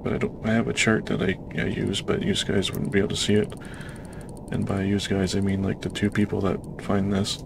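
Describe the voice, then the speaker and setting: Brief: low, flat-voiced man, gravel in the voice, low-key self-mocking gameplay commentary over noisy game sound. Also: fairly quick. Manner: self-described monotone, self-deprecating. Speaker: gamer playing a submarine sim. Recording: noisy game audio behind voice.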